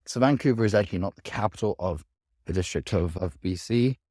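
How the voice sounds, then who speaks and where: A man's voice: low-pitched, brisk, a little mellow, no room sound, clean studio sound. A man giving a casual, rambling vlog to camera while walking outdoors, often hedging as he talks. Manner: rambling, hedging with sort of and kind of. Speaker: vlogger. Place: outdoors in a city park.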